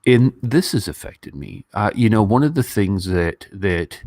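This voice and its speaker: A low-pitched male YouTube host from a Western country drifts through unhurried, rambling livestream talk and commentary. He's informal, getting lively when he does impressions of other people. The sound is very dry and close, with no echo.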